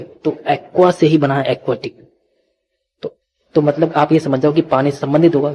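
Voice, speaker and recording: A man's voice: medium pitch, slightly rough, dull audio. Man teaching vocabulary, repeats himself. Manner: repetitive, asks and answers own questions. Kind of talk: vocabulary lesson.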